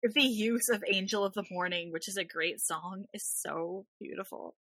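A woman's voice: medium pitch, moderate pace, a bit bright, no room sound. A woman co-hosting a podcast in casual film chat, making dry, matter-of-fact remarks. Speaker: podcast co-host. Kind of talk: casual movie discussion.

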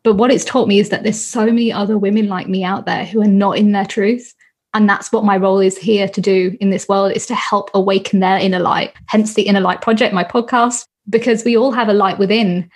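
A woman's voice: mid-range voice, fairly even intonation, fairly quick, breathy edge. A British woman in her thirties, a guest and healing coach, talking earnestly in a casual interview and repeating her points with emphasis. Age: 30s. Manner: earnest, emphatic, repeats phrases, laughs often.

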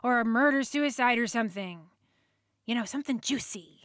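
Actress as a high, bright, flippant woman. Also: a little fast, no echo, studio quality, natural voice. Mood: bored, flippant. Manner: casual, sarcastic. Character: bored, flippant female emergency call responder. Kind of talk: naturalistic audio drama dialogue.

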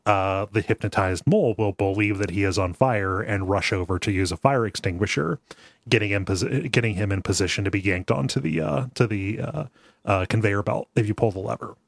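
A man's voice: fairly low pitch, fairly quick, creaky, no echo. A man co-hosting a show, casually recapping a game story in an amused way, often chuckling. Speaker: co-host of a video game discussion show.

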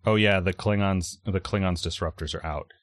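A man with a low voice narrates a tabletop game as game master. He pieces the scene together haltingly, and the sound is dry and close. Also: fairly even intonation, no echo. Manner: halting, hesitant delivery.

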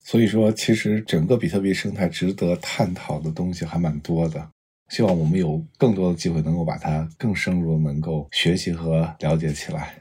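A man's voice: low-pitched, fairly even intonation, moderate pace, darkish tone, breathy edge. A man speaking conversationally as an interviewer on a discussion podcast.

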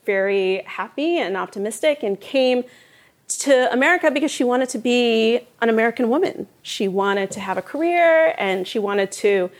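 A woman's voice: on the high side, lively intonation, normal speed. A middle-aged woman from New Jersey, a cookbook author, talking candidly in a casual onstage conversation and laughing often. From northern New Jersey.

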